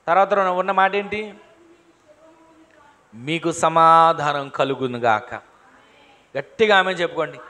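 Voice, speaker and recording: A male pastor preaches with fervour, piling up repeated phrases and rhetorical questions. His voice sits high and rings bright and forward. He keeps urging the congregation to answer amen. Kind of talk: Telugu sermon to a congregation. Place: church hall.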